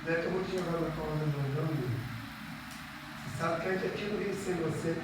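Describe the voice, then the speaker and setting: Man, Brazilian Portuguese accent, pastor's sermon, loud readings and soft asides, noisy echoey church recording. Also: fairly high pitch, steady tone. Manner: swings between loud, drawn-out scripture reading and soft, intimate talk to listeners; leads the congregation in call-and-repeat prayer. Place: church hall. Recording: echoey hall, distant mic, background noise.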